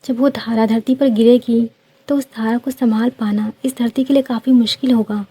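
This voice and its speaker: A woman's voice: fairly high pitch, fairly even intonation, normal speed, warm tone, husky. A woman voicing a pushy, stern shadow spirit who scolds and gives urgent warnings, in a cartoon story.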